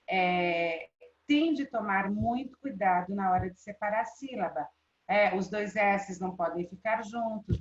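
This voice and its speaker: A woman teacher with a Brazilian Portuguese accent giving a live online class, checking in with students often. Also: medium pitch. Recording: roomy, dull lo-fi sound.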